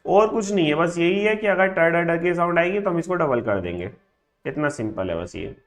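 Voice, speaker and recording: A man teaching a shorthand class who says each word slowly and more than once, and often stops with a quick question to check that the students are following. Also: fairly high pitch, animated. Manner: drills words by repeating them slowly, checks understanding with frequent tag questions. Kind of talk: classroom lesson.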